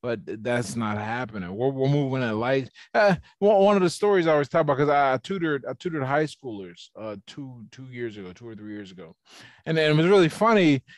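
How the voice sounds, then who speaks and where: A man's voice: medium pitch, lively intonation, fairly quick, no echo. Casual explaining man, dry sound. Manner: explains ideas at length, casual. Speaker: podcast guest. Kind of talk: casual conversational interview.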